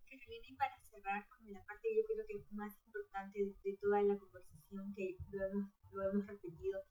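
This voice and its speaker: A woman's voice: mid-range voice, flat delivery, fairly quick, warm tone, soft background music. A woman hosting a podcast interview, encouraging and inviting as she wraps up with her guest. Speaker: podcast host. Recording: dull, echoey, distant from the mic.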